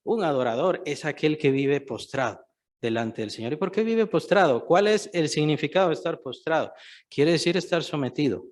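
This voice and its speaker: A man's voice: fairly high pitch, lively intonation, normal speed. A man preaching a sermon, stressing points by repeating phrases and putting questions to the listeners.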